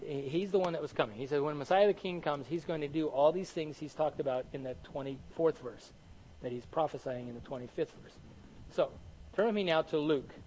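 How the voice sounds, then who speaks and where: A man preaching a Bible study sermon, animated and conversational, often asking the congregation questions and answering them himself. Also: on the high side, a little fast, slight background noise, rough recording. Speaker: pastor teaching Bible study.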